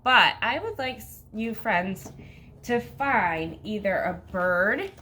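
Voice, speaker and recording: Woman teacher doing kids show host talk, slow n simple, bit sing-song, faint noise behind her. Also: mid-range voice, lively intonation, pushed and bright. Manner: simple sing-song instructions, counting aloud. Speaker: early childhood teacher.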